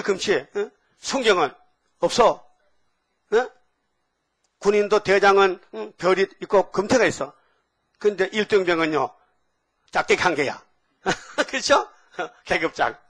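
Animated high-voiced older male preacher. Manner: animated, asks the audience questions. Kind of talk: sermon.

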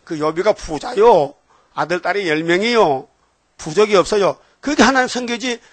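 A man's voice: high-pitched, animated, normal speed, no room sound. A male preacher voicing Satan as a sly, sneering accuser in a retold scripture scene. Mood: sly accusing.

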